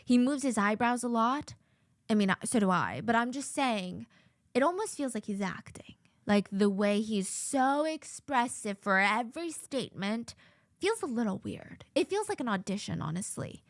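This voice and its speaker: A woman hosting a true-crime podcast, giving casual, opinionated commentary with drawn-out hushed asides. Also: a little high, expressive, dry recording, studio quality. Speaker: podcast host.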